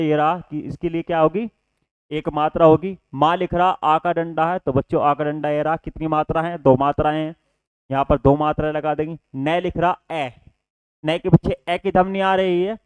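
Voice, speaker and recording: A man's voice: fairly high pitch, darkish tone, clear, resonant tone, dry recording, low-quality recording. A man teaching a Hindi lesson for exam preparation. He explains each point step by step, often asks his students a question and answers it himself, and keeps saying "okay" to check they follow. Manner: addresses students as children, repeats "ठीक है". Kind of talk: online exam-prep lesson.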